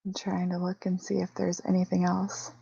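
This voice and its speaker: A woman co-hosting a casual livestream Q&A, reading viewers' comments aloud in an unhurried way. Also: lowish voice, completely flat delivery, creaky, warm tone, slightly rough, no echo. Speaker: livestream co-host. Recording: dull, dry lo-fi audio.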